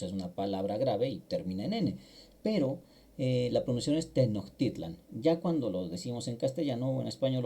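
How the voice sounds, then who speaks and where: A middle-aged Mexican man with a medium-pitched, dark voice teaches an online grammar lesson. He patiently walks through the language step by step, dropping small fillers along the way.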